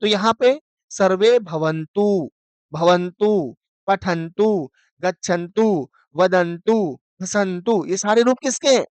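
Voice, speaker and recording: A man teaching a Sanskrit grammar lesson. He drills verb forms by asking questions and answering them himself, and he chants lists of forms slowly. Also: sits high, dry recording.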